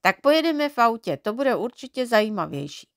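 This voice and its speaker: A woman's voice: fairly high pitch, big pitch swings, no echo, clean studio sound. A woman voicing a curious, chatty little girl mite from a storybook, speaking in an eager, questioning tone.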